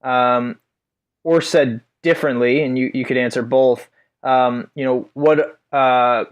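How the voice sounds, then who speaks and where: A man's voice: medium pitch, steady tone, takes it slowly, clear, resonant tone. A man hosting a podcast, who asks long, thoughtful questions with many fillers. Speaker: podcast host. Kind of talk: casual interview questions.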